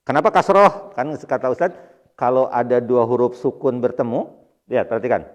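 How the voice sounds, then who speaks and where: A man teaching Arabic grammar to a mosque study class, reading phrases slowly and then explaining them quickly with a chuckle. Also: mid-range voice. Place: mosque hall. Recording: long hall reverb.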